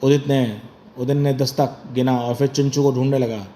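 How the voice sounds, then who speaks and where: A man reading comic stories aloud in plain, even storytelling. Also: medium pitch, moderate pace, a little hiss or hum.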